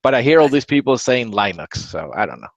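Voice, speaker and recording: A man's voice: medium pitch, big pitch swings, fast talker, no room sound. A man of Latin American origin chatting casually about tech security, rambling and repeating words and often asking "right?". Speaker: podcast host. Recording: dry, dull lo-fi audio.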